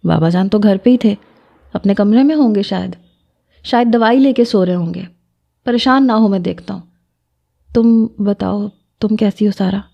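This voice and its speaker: A woman's voice: mid-range voice, creaky. Woman doing a young guy holding it together, soothing but shaky, kinda muffled recording. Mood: tense. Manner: reassuring, stammering under strain. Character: shaken young man trying to stay calm.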